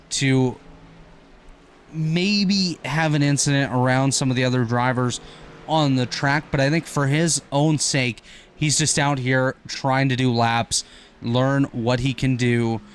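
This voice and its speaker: A man calling an online racing broadcast as play-by-play commentator, talking quickly and correcting himself on the fly. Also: mid-range voice, a little hiss or hum. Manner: rapid, energetic play-by-play with quick self-corrections.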